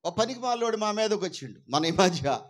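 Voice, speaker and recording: High-voiced man preaching emphatically. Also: lively intonation, fairly quick. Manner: emphatic preaching, swinging between loud cries and low intense asides. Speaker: pastor. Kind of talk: sermon. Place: church prayer meeting. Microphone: microphone through a sound system.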